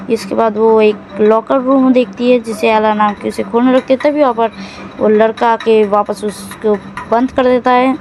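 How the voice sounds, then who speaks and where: A woman's voice: a little high, steady tone, normal speed, a little mellow, slight background noise, poor audio. Rambling woman retelling a drama plot. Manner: rambling, self-correcting, loose storytelling. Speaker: drama recap narrator. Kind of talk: casual Hindi plot recap.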